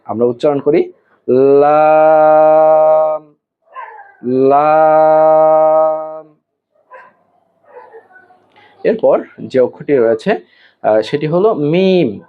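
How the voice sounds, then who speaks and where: A male Quran teacher giving an online lesson, explaining how to pronounce Arabic letters slowly, with pauses and fillers, and drawing out the letters as examples. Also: a little high, very animated. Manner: slow and deliberate, with hesitation fillers, drawn-out model pronunciations. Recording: tinny phone-like audio.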